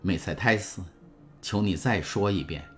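A bitter, jealous young man speaks through clenched teeth, as a deep-voiced narrator plays him. It is a storybook reading with soft music behind. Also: normal speed. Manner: tense, intense.

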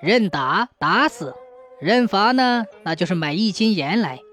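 A man's voice: high-pitched, expressive, measured pace, a bit bright, faint music behind. A woman voicing a stern, shrewd county magistrate who barks his commands. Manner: barking, commanding.

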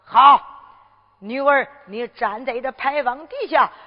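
A woman playing a disguised emperor posing as a wandering fortune-teller, fatherly and lively, teasing and scolding in turn, with a Henan accent, in a Henan zhuizi storytelling performance. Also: high voice, slow. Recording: dull lo-fi recording with long reverb.

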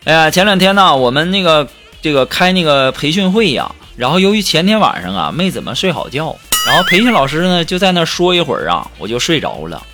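A man tells one comic anecdote after another, his high voice swooping all over the place. He jumps in and out of the people he quotes. Music plays clearly behind him throughout. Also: fairly quick. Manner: animated, acts out quoted people in shifting voices. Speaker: comedic storyteller. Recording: with background music.

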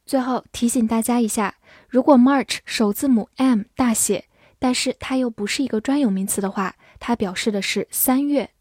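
A woman teaching English vocabulary, spelling words letter by letter and reading example sentences slowly and carefully. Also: fairly high pitch, a little mellow, slightly rough, dry recording, studio quality. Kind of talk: vocabulary lesson narration.

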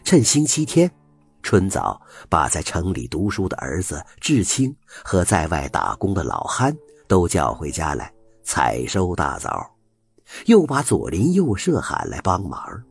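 Expressive, low-voiced male storyteller. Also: measured pace, creaky, slightly rough, soft background music. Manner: animated, expressive delivery. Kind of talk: folk tale narration.

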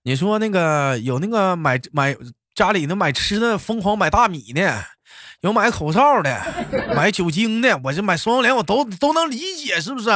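A man's voice: sits high, moderate pace. A male comedy host with a Northeastern Mandarin accent, reading listener jokes in a comic monologue, laughing often and acting out the people in the jokes. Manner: animated, laughs often, acts out quoted people. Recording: music playing under the voice.

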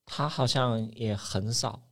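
A man's voice: mid-range voice, slow, dry recording, studio quality. A man co-hosting a podcast in casual chat, a little self-conscious and hesitant, sometimes stumbling at the start of a sentence. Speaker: podcast co-host.

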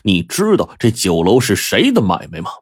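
Man playing a chilly, calculating innkeeper, measured delivery, dry husky voice. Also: on the low side, sing-song, a little mellow, no room sound, exaggerated voice. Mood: stern. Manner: slow, coldly measured. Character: cold, calculating male innkeeper.

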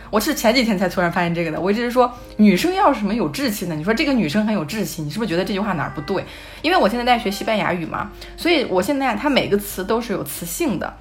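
A young woman chatting on a podcast at a brisk clip, her delivery animated and emphatic. Soft music sits faintly under her voice. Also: mid-range voice. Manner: animated storytelling, quick and emphatic. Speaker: podcast co-host. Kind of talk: casual podcast chat.

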